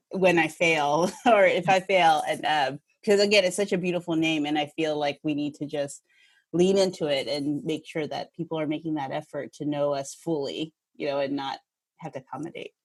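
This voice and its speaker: A woman host from Northern Kentucky, chatty and quick to laugh, asking long, winding questions in a podcast interview. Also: low voice. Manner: warm, chatty, laughs easily, asks long rambling questions.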